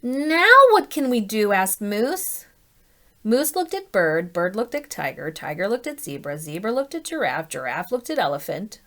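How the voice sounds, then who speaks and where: Reading a kids' story aloud in a teacher's role, a medium-pitched woman speaks with animated deliberateness and poses questions to her audience.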